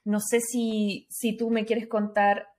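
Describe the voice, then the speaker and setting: A woman's voice: medium pitch, level tone, slow pace, darkish tone. A Chilean woman hosting a podcast in casual chat, slipping in English words now and then. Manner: chatty, mixes in English words. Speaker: podcast host. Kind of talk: casual chat about a film.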